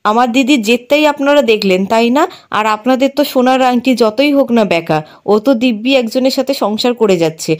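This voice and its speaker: Indignant young woman with an accusing tone, read out by a woman narrator, slightly high voice. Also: brisk, close to an everyday voice. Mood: angry. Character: angry young woman defending her sister.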